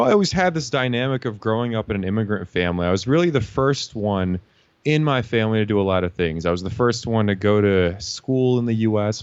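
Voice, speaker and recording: A man's voice: on the low side, darkish tone, dry recording, dull audio. A young man from Lithuania, a guest telling his story in a casual interview, confident and fluent with frequent "you know.". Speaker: guest, LinkedIn marketing consultant.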